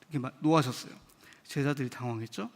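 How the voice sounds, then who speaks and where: A man's voice: medium pitch, fast. A man preaching a Wednesday evening church sermon in a conversational way, asking the congregation questions and acting out short quoted lines. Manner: acts out short quoted lines in lively voices. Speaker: licensed preacher. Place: church sanctuary. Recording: long hall reverb.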